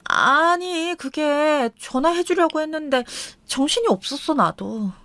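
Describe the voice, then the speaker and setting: A woman voicing a selfish, tipsy young wife who talks in a high, whiny, petulant way. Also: big pitch swings, normal speed, fairly bright tone, no echo, studio quality. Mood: flustered.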